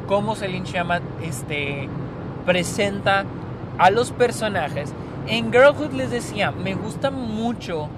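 Male podcast host, northern Mexican accent, high-pitched voice, informal and sweary monologue, recorded in a car with noticeable driving noise. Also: lively intonation, slow pace. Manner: informal and slangy, swearing freely. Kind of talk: casual solo podcast monologue about films. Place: inside a car driving on a highway. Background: vehicle and road noise.

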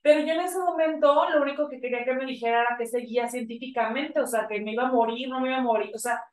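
A woman's voice: on the high side, fast talker, distant mic. A woman recounting a personal story in casual conversation, full of fillers and quoted dialogue. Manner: emotional, filler-heavy retelling with many quoted lines. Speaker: guest telling her story. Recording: echoey room, a bit off-mic.

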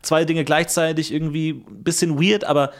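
A man's voice: a little high, fairly even intonation, brisk. A man co-hosting a comedy podcast, playful and pleading in an improvised bit. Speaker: podcast co-host.

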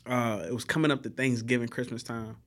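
A man's voice: medium pitch, brisk. A young adult man, a police officer, talking casually and acting out traffic stops, swearing freely in slangy speech. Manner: animated storyteller, acts out both sides of traffic stops. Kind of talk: casual podcast chat.

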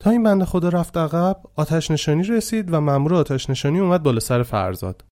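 A man's voice: on the high side, animated, darkish tone. A man narrating a dramatic true story in a vivid, conversational way.

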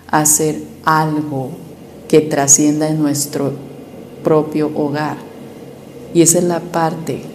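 Low-voiced woman giving earnest advice. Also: slight background noise. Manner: earnest, acts out quoted voices, varies loudness for emphasis. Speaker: speaker giving family advice. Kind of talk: motivational talk to listeners.

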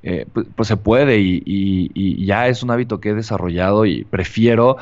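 Low-voiced man on a dull line. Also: normal speed, darkish tone. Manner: hesitant, many fillers and restarts. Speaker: podcast guest. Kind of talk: casual interview conversation. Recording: dull lo-fi sound.

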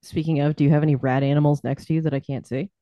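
A man's voice: fairly high pitch, flat delivery, racing, warm tone, dry recording. A man co-hosting a podcast, making dry, wry remarks in a casual chat over beers. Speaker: podcast co-host.

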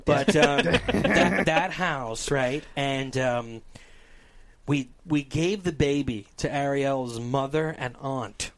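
A man co-hosting a casual talk show, telling a dream story in an animated way, swearing often and acting out voices. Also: mid-range voice, takes it slowly. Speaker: podcast co-host.

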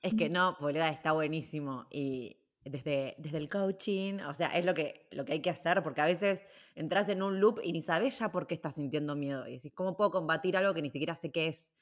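Argentine woman host asking questions, pretty low voice, gushes at her guest. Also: normal speed, few pauses. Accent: Argentine Spanish. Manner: warm and effusive toward her guest. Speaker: podcast host. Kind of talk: casual interview chat.

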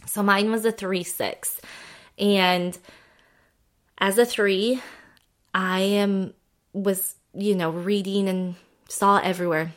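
A young woman talks casually as a podcast host and coach, filling her speech with "like" and little tangents. She slips into brighter, acted voices when she quotes her own thoughts. Her pitch sits in a middle range for a woman. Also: steady tone, takes it slowly, pauses often. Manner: chatty, lots of "like", acts out quoted thoughts in brighter voice. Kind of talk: casual explanatory monologue.

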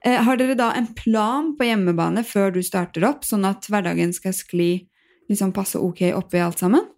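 A woman hosting a podcast in an informal, chatty way, as in casual interviews and relaxed sponsor reads. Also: medium pitch. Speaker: podcast host.

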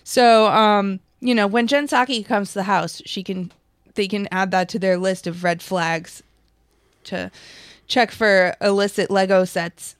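A woman's voice: medium pitch, steady tone, unhurried, smooth, no echo, clean studio sound. An American woman hosting a political commentary show, reading news articles aloud and adding casual, wry, sarcastic remarks.

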